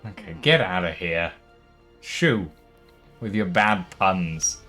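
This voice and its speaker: Man, casual gaming chat, slow and lively, mock-indignant, faint music under. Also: low voice. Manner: mock-indignant, theatrical complaining. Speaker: gamer on a co-op stream.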